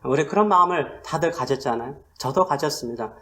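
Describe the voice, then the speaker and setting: Man, pastor, sermon, high voice, rhetorical questions, loud and hushed turns. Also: brisk, slight background noise.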